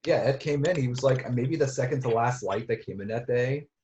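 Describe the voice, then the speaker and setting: A man reminiscing in a loose, rambling way, often restarting his sentences. His voice has a middling pitch. The recording is roomy and echoey. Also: fairly quick, darkish tone, dull audio, a little hiss or hum. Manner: rambling, many restarts and fillers. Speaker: director and writer. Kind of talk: casual reunion chat. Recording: roomy echo.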